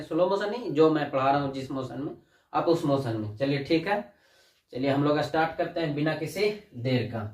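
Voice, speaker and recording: Male teacher, high-ish voice, quizzing students, roomy echo, distant mic. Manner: addresses students as "बच्चा", asks and answers own questions. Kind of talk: classroom lesson. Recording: echoey room, distant mic.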